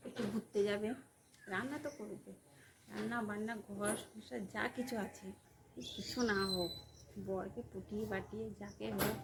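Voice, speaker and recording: A woman's voice: medium pitch, very noisy. A young woman vlogging in a casual, coaxing way, often asking her viewers tag questions.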